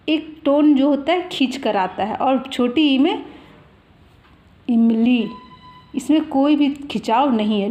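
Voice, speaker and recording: A woman's voice: high voice, darkish tone. A woman teaching young children a language lesson, explaining patiently with many examples and drawing out vowel sounds to demonstrate them.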